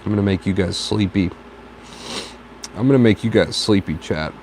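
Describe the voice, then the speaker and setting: A tired man with a raspy, dry throat answers viewer questions on a casual live stream from his tablet at home, giving calm, reflective advice and repeating phrases for emphasis. His voice is on the low side at normal speed, and the lo-fi stream carries faint background noise.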